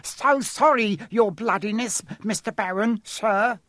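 A man's voice: high voice, a little slow, a bit bright, dry recording, studio quality, voice pushed up. A man voicing a mischievous, wicked male poltergeist in an audiobook, singsong and oily. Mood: grovelling, oily.

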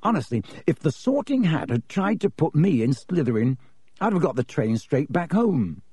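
A man's voice: on the high side, very animated, moderate pace, dark tone, breathy edge, dry recording, studio quality, voice pushed up. A man doing a blunt, scornful schoolboy. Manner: blunt, chatty. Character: teenage wizard boy, blunt and scornful.

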